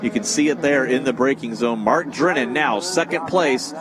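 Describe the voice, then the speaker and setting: A man's voice: mid-range voice, normal speed, very noisy. A man giving live motorsport commentary on a race.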